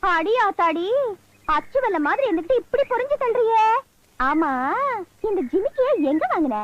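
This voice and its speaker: A woman's voice: very high-pitched, very animated, lo-fi sound, very noisy. An actress playing a chatty, mocking village woman who fusses and scolds in a film comedy. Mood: teasing. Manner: quick-tongued, mocking, scolding. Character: chatty teasing village woman, bossy and fussing.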